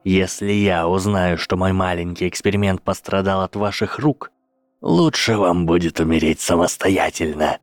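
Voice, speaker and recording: A man voicing a cold, menacing dark lord who speaks slowly in a low, deliberate voice, cruelly amused. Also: no echo, natural voice.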